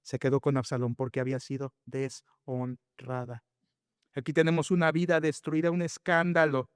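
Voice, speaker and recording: A man's voice: mid-range voice, little pitch movement, moderate pace, clear, resonant tone, dry recording, clean studio sound, long reverb tail. A man preaching an expository sermon to his congregation as pastor, earnest and emphatic, often asking rhetorical questions and speaking straight to his listeners. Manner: addresses the congregation directly. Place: church sanctuary.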